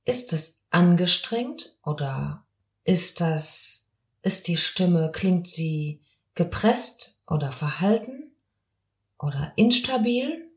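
A woman voice coach talks through a podcast lesson at an unhurried, measured pace. Her voice sits a bit low and she explains calmly, one question after another. The room around her rings with a noticeable echo. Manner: calm, explanatory, demonstrates voice sounds.

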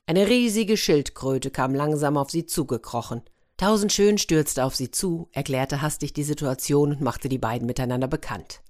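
A woman narrating a fairy tale in a calm, measured audiobook reading. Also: low voice.

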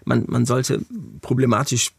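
A podcast guest from Frankfurt, Germany, speaks reflectively, with many hesitations and fillers. His gravelly, husky voice is medium-pitched, flat and unhurried, recorded in a clean studio with no echo.

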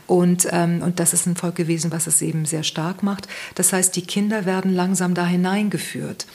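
Low, husky-voiced woman explaining thoughtfully. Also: little pitch movement, normal speed. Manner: thoughtful, searching for words, gently explaining. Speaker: guest giving parenting advice. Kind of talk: reflective conversational interview.

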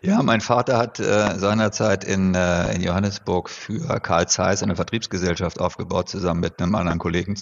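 A man's voice: low voice, steady tone, gravelly, highs cut off. A middle-aged man who speaks accent-free standard German, explaining at length in a podcast interview with many hesitations. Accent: standard High German. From born in South Africa, raised in Germany. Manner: measured, explanatory, frequent hesitation sounds. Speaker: guest, former executive.

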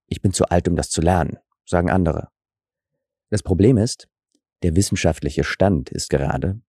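Recorded dry with studio quality, this podcast host speaks in a deep voice with a dark tone. Raised in Germany with Russian as his first language, he delivers scripted solo podcast talk that is reflective and explanatory, sprinkled with self-deprecating asides.

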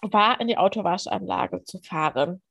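A young woman co-hosting a podcast in relaxed, casual chat, often answering with brief replies. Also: medium pitch, normal speed, creaky, a little hiss or hum. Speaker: podcast co-host.

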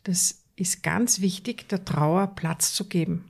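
A woman's voice: on the low side, slow pace, gravelly, slightly rough. A woman coach speaks in an interview with earnest conviction and lays stress by repeating key words. Her talk is conversational and full of small restarts.

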